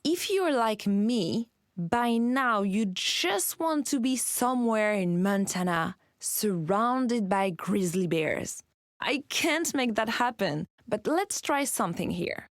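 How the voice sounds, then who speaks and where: A woman podcast host delivering scripted narration, clear and guiding her listeners. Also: a little high, lively intonation, takes it slowly, dry recording, studio quality.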